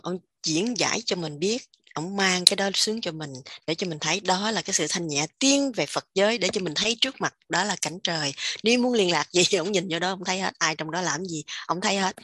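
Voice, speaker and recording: A woman's voice: fairly low pitch, fairly bright tone, no echo. A woman telling stories in a chatty way, often laughing. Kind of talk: religious discussion.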